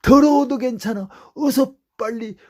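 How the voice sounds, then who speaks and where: A male preacher voicing a mother who scolds her child and hurries him in out of the cold, in a loud, high nagging tone. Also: unhurried. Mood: scolding, fretful. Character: scolding but tender middle-aged mother.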